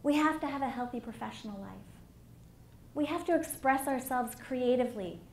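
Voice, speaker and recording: A middle-aged woman giving a candid, animated personal talk as a conference speaker on a stage microphone. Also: sits high, normal speed. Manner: candid and animated, with emphatic swells. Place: conference hall. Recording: echoey hall with faint room noise.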